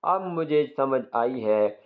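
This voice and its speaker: A male teacher explaining an English lesson in Urdu, reading English slowly and then explaining it quickly. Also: medium pitch, lively intonation. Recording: tinny phone-like audio.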